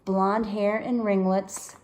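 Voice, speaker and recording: A woman with a medium-pitched voice reads a chapter of a children's book aloud, her storybook phrasing expressive, deliberate, and dramatic. The sound is roomy.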